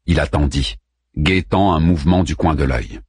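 A man narrating an audiobook in an expressive reading. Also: rumbling low, moderate pace, breathy edge, no room sound, clean studio sound. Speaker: audiobook reader. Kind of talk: scripted narration.

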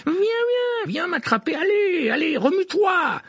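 Guy doing a teen boy, gritted teeth, high, pushy. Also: sing-song, unhurried, a bit bright, no room sound, studio quality, exaggerated voice. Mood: urging. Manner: urging through gritted teeth. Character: teenage boy hero, determined.

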